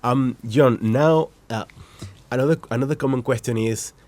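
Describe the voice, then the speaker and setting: A man's voice: medium pitch, moderate pace, darkish tone. A man who speaks Spanish as his first language, with a Latin American accent, hosting a casual interview inside a shop and often restarting as he searches for words. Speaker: host.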